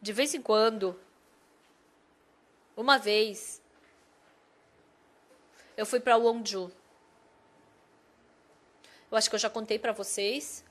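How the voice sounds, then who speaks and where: A woman preaching a sermon as a personal story, going from hushed to emphatic. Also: on the high side, takes it slowly, long pauses. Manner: animated storytelling, loudness swinging from hushed to emphatic.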